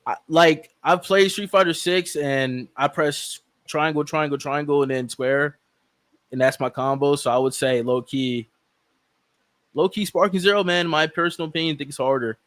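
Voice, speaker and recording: A man's voice: on the high side, normal speed, a bit bright. A man debating casually in an informal, slangy way.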